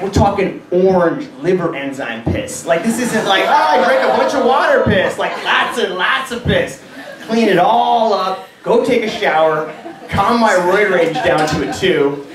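A young man doing excitable, crude stand-up storytelling on a comedy club stage. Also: sits high. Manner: excitable, crude, laughing through the telling. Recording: roomy club sound from a distance.

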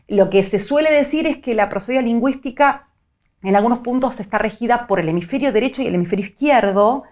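A middle-aged woman with a Rioplatense Spanish accent, a psycholinguist giving clear, teacherly explanations in an interview. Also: fairly high pitch, quick pace, darkish tone. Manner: clear, didactic, illustrates points with examples. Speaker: psycholinguist guest.

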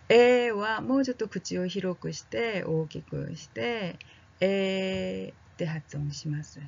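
Slow, gentle woman teaching vowels. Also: medium pitch, creaky, husky, lo-fi sound. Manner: speaks slowly, drawing out vowel drills and checking in with learners; casual and friendly, with fillers like "ano". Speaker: Korean language teacher. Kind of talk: slow, gentle language lesson.

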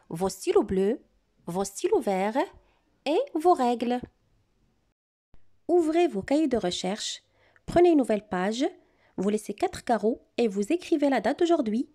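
Slow, deliberate woman teacher giving dictation. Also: on the high side, dark tone. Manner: slow, deliberate dictation with words repeated clearly. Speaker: primary school teacher. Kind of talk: classroom dictation lesson.

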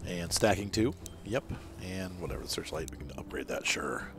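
Low-voiced male gameplay reviewer, casual and meandering, corrects himself often, home desk mic. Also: animated, moderate pace. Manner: rambling, self-correcting, often apologizing. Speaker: game reviewer.

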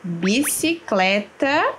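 A woman slowly teaching children their syllables, spelling out each word clearly with long pauses. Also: mid-range voice, sing-song, a little hiss or hum. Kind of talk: slow syllable lesson for children. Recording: faint music behind. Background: soft background music.

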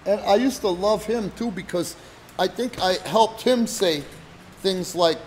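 A man's voice: sits high, unhurried, a little mellow, slight background noise, poor audio. A middle-aged man co-hosting a casual chat, telling stories in a profane, rambling way. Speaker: podcast co-host, wrestling promoter.

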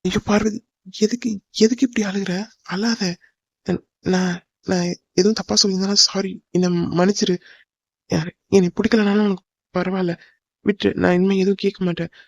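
A man's voice: fairly high pitch, level tone, quick pace, a little mellow, dry recording, close to an everyday voice. A man voicing an earnest young man in love, reassuring and tender, on a dull lo-fi dry recording. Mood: soothing. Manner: pleading, soothing. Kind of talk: cartoon drama voice acting.

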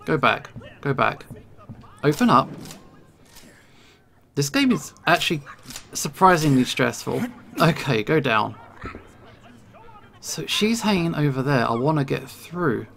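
Muttering nervously to himself during a let's play, the streamer has a medium-pitched, heavily fried and gravelly voice that's a bit bright. His jittery, anxious delivery turns sing-song and unhurried here, broken by long pauses.

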